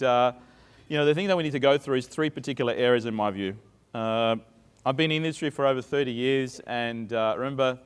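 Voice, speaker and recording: A middle-aged man from Sydney, Australia, with a clear, resonant, medium-pitched voice, gives a chatty talk on a conference stage. His Australian-accented delivery is full of fillers and restarts, echoing in a reverberant hall.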